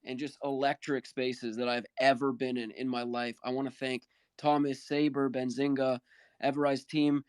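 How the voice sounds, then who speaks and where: A man with a smooth, resonant voice speaking with eager enthusiasm. The sound is dry and close, with no room echo. He speaks for a project team on a live online panel. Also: medium pitch, level tone, normal speed, a little mellow. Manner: enthusiastic, thankful. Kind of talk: casual live audio-room talk. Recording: online audio-room stream.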